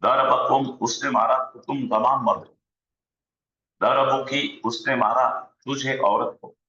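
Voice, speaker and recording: A man teaching an online Arabic grammar lesson, slowly drilling word forms aloud on a video call. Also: mid-range voice, steady tone, sharp tone. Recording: dull echoey room sound.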